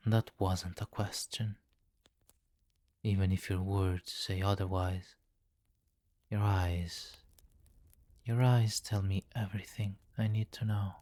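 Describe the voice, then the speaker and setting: A man acts as a vampire king for an ASMR roleplay, speaking deeply and slowly in a mellow voice. Commanding and possessive, he addresses the listener intimately with teasing condescension, recorded close and very dry.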